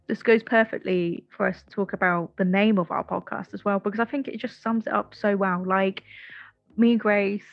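A woman's voice: mid-range voice, fairly even intonation, normal speed, creaky, no echo, dull audio. A woman in her twenties co-hosting a podcast in casual chat, swearing freely and filling her talk with "like". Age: 20s. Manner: chatty, swears freely, lots of "like" fillers. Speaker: podcast co-host.

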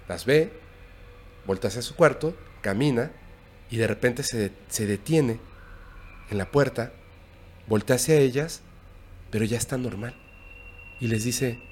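Un hombre con acento mexicano narra con calma una historia de terror en una charla informal, con pausas y tono bajo. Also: male voice, mid-range voice, a little hiss or hum. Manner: recounting a scary story, hushed and halting. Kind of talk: casual storytelling.

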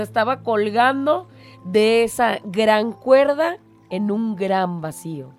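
A woman hosting a show and telling a moral reflection story in an earnest, dramatic way. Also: medium pitch. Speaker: radio host.

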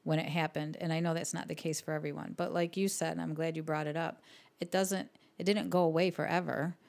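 A woman's voice: low voice, flat delivery, a little fast, vocal fry. A woman co-hosting a podcast, chatting casually about faith and quoting scripture with easy laughs. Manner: warm storytelling, laughs easily, quotes scripture. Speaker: podcast co-host.

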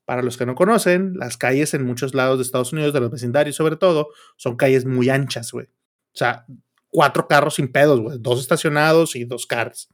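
A podcast co-host with a Mexican Spanish accent tells a story casually, swearing and using lots of slang and filler words. His voice is medium-pitched and his pace brisk.

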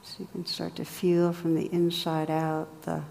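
A woman leading a guided meditation, speaking softly and gently with long pauses between phrases. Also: lowish voice, monotone, gravelly, big-room sound, a little hiss or hum. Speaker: meditation teacher.

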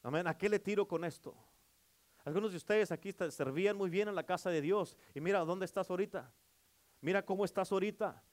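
A man's voice: sits high, fairly quick. A middle-aged male pastor preaching a sermon, emphatic and repetitive, often calling for amens.

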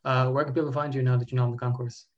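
A man hosting a casual interview in a laconic, low-key way. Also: level tone, very fast, a little mellow, highs cut off.

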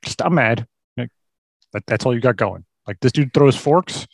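A man's voice: medium pitch, normal speed, creaky, a little mellow, no room sound. An easygoing man chatting on a film podcast, agreeing readily with his co-host. His voice is a mid-range male voice, recorded dry and close with no room sound. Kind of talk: casual movie review chat.

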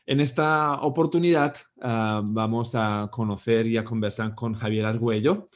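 A man's voice: mid-range voice, fairly even intonation, normal speed. A man hosting an interview, speaking with frequent fillers and repeated words. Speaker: host.

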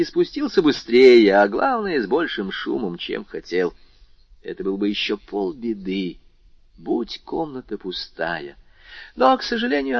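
A man narrating an audiobook with dramatic, expressive storytelling. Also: mid-range voice, dry recording. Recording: dull lo-fi recording.

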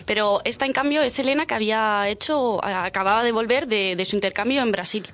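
A woman co-hosting a radio travel show in casual chat, quick to laugh along. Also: on the high side, a bit bright, soft background music. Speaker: radio co-host.

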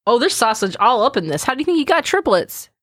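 A woman co-hosts a casual podcast, her voice leaping around in pitch as she chats. She swears freely and reads passages aloud with dramatic flair. The sound is dry and close to the mic. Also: sing-song, fast, a bit bright, husky, no echo. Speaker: podcast co-host. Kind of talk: casual chat.

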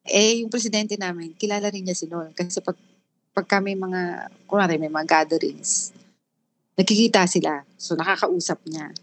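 A middle-aged woman with a Filipino accent, mixing Tagalog and English in a candid interview, halting and full of restarts. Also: on the low side, fairly even intonation. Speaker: guest. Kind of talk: emotional personal interview.

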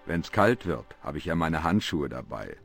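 A pompous, deep-voiced game guard. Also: male voice, sing-song, normal speed, creaky, a bit bright, soft background music, full character voice. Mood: smug. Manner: curt, condescending. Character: smug, pompous male museum guard. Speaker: video game character.

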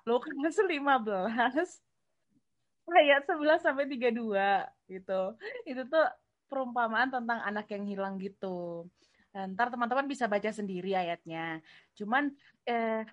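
A woman's voice: mid-range voice, a bit bright. A young woman co-hosting a casual faith chat, talking loosely with lots of fillers and English phrases mixed in. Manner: chatty, mixes English phrases, many fillers. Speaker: podcast co-host. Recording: dull lo-fi recording.

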